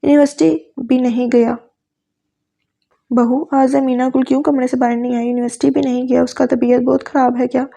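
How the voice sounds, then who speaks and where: Brief: a woman playing a worried elderly grandmother, even, low tone. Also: gravelly. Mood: concerned. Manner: questioning, concerned. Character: elderly grandmother, concerned, head of household.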